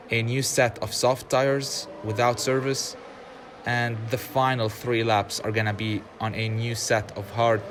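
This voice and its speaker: Playing a racing game, this Arabic-first-language gaming host keeps up chatty commentary, frequently getting frustrated, laughing, and dropping "um" into pauses. His pitch is medium, with background noise behind him.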